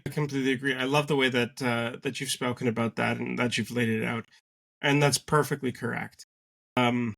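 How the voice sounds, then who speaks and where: A man's voice: medium pitch, creaky, bright, forceful tone. A man with a Canadian accent, a sales agency cofounder, giving articulate, emphatic answers in a podcast interview.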